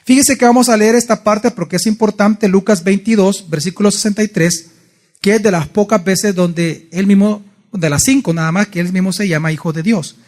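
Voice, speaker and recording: A man's voice: sits high, steady tone, moderate pace, darkish tone. A male pastor teaching a Bible study sermon in church, often putting questions to his congregation. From El Salvador. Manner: asks the congregation frequent questions.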